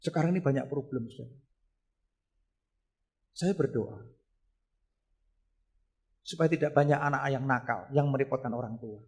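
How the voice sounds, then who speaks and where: A middle-aged man preaching a sermon at a church service, swinging between loud fervent exclamations and quiet storytelling. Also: medium pitch, moderate pace, pauses often. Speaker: pastor.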